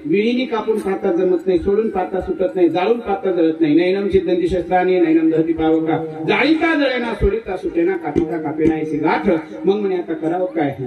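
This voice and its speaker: Male preacher, high-pitched, playful storyteller, roomy distant sound. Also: fairly quick, hardly any pauses. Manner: animated, playful, teases the audience. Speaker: kirtan preacher. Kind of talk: humorous devotional storytelling sermon.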